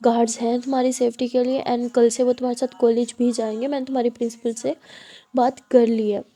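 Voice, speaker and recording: Strict mother, firm and commanding, mellow voice; woman reader. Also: fairly high pitch, flat delivery, brisk. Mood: stern. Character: stern mother laying down the rules.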